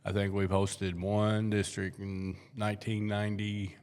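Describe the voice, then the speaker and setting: A man's voice: fairly low pitch, monotone, measured pace, darkish tone, smooth. A man, a basketball coach chatting casually and telling stories, repeating words as he goes. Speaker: basketball coach and podcast co-host. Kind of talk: casual chat.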